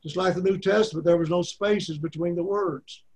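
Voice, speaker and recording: An older man with an Arkansas accent teaches a Bible class in a high, light voice. He speaks in a folksy way, driving his points home by repeating them. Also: steady tone, normal speed, darkish tone.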